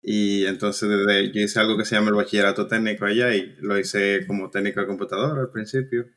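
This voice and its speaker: A young man from the Dominican Republic, speaking in a lowish voice with a Dominican Spanish accent, appears as a guest engineer in a casual conversational interview. He's relaxed but halting, restarting often and using lots of fillers.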